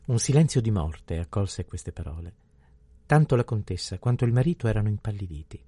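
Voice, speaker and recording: A man narrating a novel in a steady, even literary reading. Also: fairly low pitch, a little fast, slightly rough, dry recording. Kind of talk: scripted audiobook narration.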